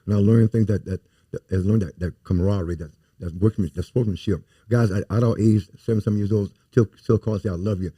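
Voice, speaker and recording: A man's voice: lowish voice, steady tone, quick pace, warm tone, breathy edge, dry recording, clean studio sound. A man who coaches youth, talking earnestly on a talk show, repeating words and dropping rhyming sayings. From Louisiana, USA. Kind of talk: casual talk show conversation.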